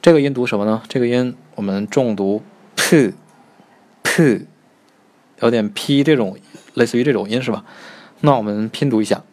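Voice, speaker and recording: A man giving a Korean pronunciation lesson in a mid-range voice. He talks through the explanations at a brisk pace, then slows down to sound each syllable out clearly, two or three times over. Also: medium pitch, warm tone. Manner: slow drawn-out model sounds between quick explanations. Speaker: Korean language teacher.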